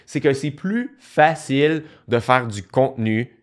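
A man's voice: mid-range voice, animated, a little slow. A man hosting a podcast, talking in a chatty, conversational way with frequent restarts. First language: French. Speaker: podcast host. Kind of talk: casual podcast monologue.

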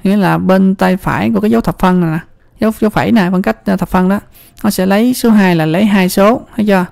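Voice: medium pitch, fast, vocal fry, a little mellow, no echo. An instructor with a Southern Vietnamese accent talks through a spreadsheet tutorial in a chatty way, repeating words and often checking in with the viewer. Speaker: computer skills instructor. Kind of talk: screen-recorded spreadsheet tutorial.

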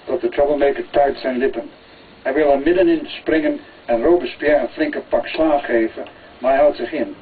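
Man reading a novel over a tinny line. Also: mid-range voice. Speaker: reader. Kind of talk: reading a crime novel aloud. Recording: tinny phone-like, distant, faint hiss.

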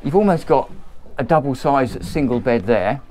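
With a medium-pitched, slightly mellow voice, the man sounds animated and keeps a moderate pace. He's an Englishman ad-libbing a lively, talkative tour of a motor boat at a marina, filmed handheld as he goes from cabin to deck.

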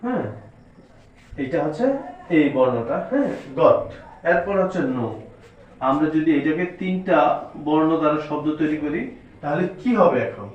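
Male teacher, slightly high voice, patient spell-it-out delivery, recorded far off in an echoey room. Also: lively intonation. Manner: spells out letters slowly, asks and answers his own questions. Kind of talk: step-by-step spelling lesson. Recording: echoey room, distant dull mic.

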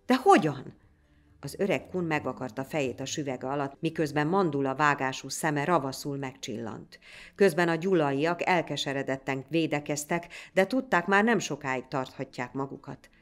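Low-voiced woman telling a folk tale. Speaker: storyteller. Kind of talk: storybook narration.

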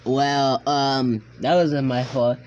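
A performer voicing an unbothered, nonchalant talking tank engine with a deadpan delivery in an amateur cartoon parody. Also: medium pitch, slow pace, pitched below the performer's own voice, close to an everyday voice.

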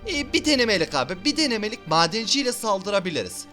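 A young man hosts a let's-play with playful, excitable commentary, often barking at his units. His voice sits high and swings widely in pitch, with a bright, forward tone. Faint music plays under him. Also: fast. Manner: playful, shouts at his units, frequent laughter. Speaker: gaming video host.

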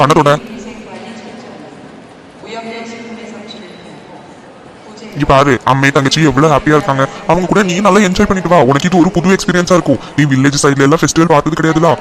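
A caring cartoon father played by a man talks very fast in a slightly high voice. He fusses and reassures, piling on instructions and comfort. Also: fairly even intonation, fairly bright tone, natural voice. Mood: soothing. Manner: fussing, reassuring. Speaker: voice actor. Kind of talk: cartoon voice acting.

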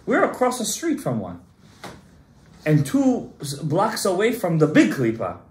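A man's voice: high voice, wildly swooping pitch, a little slow, darkish tone. A man in his thirties, a rabbi giving an emphatic Torah class to a small group and quizzing his listeners. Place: synagogue study room, indoors. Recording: roomy echo.

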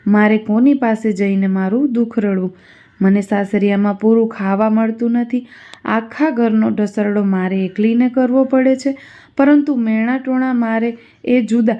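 A woman's voice: a little high, steady tone, normal speed, lightly acted. A woman reading as a sorrowful young daughter-in-law. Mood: plaintive. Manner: plaintive, sorrowful. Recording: dull lo-fi recording.

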